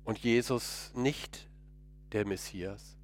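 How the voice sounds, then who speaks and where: Slow, earnest man preaching a monologue. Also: on the low side. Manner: earnest, emotional, pleading. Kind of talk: first-person dramatic monologue sermon.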